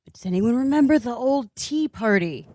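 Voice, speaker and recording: A woman's voice: fairly high pitch, lively intonation, normal speed, a little mellow, dry recording. A woman from Indiana telling a candid, profane story as a podcast guest, laughing as she goes. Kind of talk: casual podcast chat.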